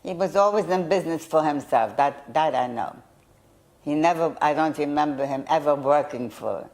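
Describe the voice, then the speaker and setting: In an oral history interview, an older woman from Poland whose first language was German recalls her childhood, hesitant and searching her memory with restarts. Her voice sits low, a little mellow, at a moderate pace.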